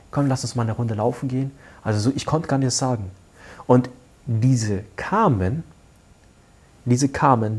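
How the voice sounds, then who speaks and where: A man tells a personal story in an earnest, unhurried way, often trailing off into hushed asides and restarting his sentences. His voice is mellow and somewhat husky, with a soft, slightly breathy edge. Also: medium pitch. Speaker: guest telling a personal story. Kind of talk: casual spoken storytelling.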